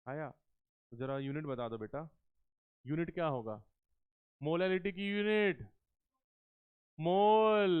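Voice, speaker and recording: A man teaching chemistry in a live class, coaxing students with questions and slowing down to dictate terms word by word. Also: high-pitched, clean tone. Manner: coaxing, keeps asking students questions and calls them beta. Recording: tinny phone-like lecture recording.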